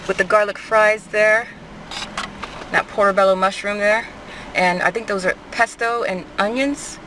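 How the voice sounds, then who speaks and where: A man's voice: sits high, fairly even intonation, a little slow. A man chatting casually about food while eating on camera, talking with his mouth full. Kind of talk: casual mukbang chat and storytelling. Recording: clear background noise, car ambience.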